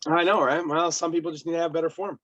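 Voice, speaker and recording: A man working as a personal trainer with a hoarse voice, coaching a client through exercises step by step with easy laughs. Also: on the high side, fairly even intonation, fast, fairly bright tone, lo-fi sound. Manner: patient step-by-step instructions, laughs easily. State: hoarse, lost voice. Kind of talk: remote workout coaching.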